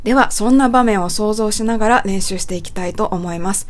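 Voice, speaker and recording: A woman teaching English pronunciation in a polite, patient way. She slows down to demonstrate English phrases carefully. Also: mid-range voice. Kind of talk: spoken lesson.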